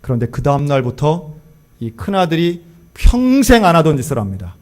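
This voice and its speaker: A man preaching a sermon, telling a story and acting out the quoted lines in lively voices. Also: on the high side, normal speed. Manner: animated, acts out quoted dialogue. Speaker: pastor.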